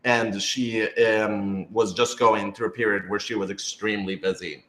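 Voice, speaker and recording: Answering questions from fans at an informal panel, this radio drama creator reworks his sentences as he thinks aloud. He speaks at a normal speed in a lowish, slightly bright voice with little pitch movement, and the echoey room adds plenty of reverb.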